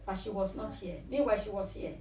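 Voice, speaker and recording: A woman's voice: mid-range voice, a little fast, a little mellow. Woman preaching in a roomy hall. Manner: emphatic, stretches out quoted scripture. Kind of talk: sermon with live translation. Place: church hall. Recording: roomy, distant mic, faint hum.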